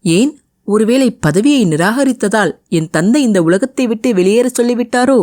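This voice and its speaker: A woman's voice: fairly high pitch, animated, normal speed, a little mellow, pitched above the performer's own voice, lightly acted. A woman voicing a young heroine in an audio novel, tearful and pleading with her beloved.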